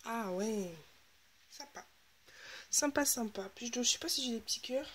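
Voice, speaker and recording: A woman's voice: on the high side, moderate pace, a bit bright, a little hiss or hum. A woman hosting a casual scrapbooking video, chatting and thinking aloud as she works, sometimes dropping into half-whispers. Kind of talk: casual crafting tutorial chat.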